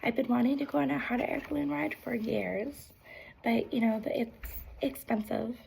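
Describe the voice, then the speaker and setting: A woman speaks in a whispered ASMR pep talk, her high voice heavily crackled with fry and a little under the weather. She is gentle and unhurried, moving between read-out affirmations and casual, encouraging asides. A faint hiss sits behind her. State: sick, voice affected. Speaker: ASMR creator.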